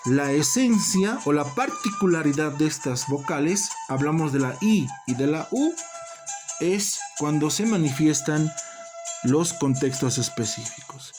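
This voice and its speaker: Speaking over music, a language teacher gives a recorded lesson in a mid-range voice with lively intonation. The delivery is deliberate, repeating key terms and calling listeners brothers and colleagues.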